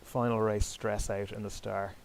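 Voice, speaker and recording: A man's voice: fairly low pitch, level tone, moderate pace, gravelly, a little hiss or hum, low-quality recording. A man hosting and commentating online sailing races, chatty and self-deprecating, talking directly to his viewers. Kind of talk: live commentary over a sailing game.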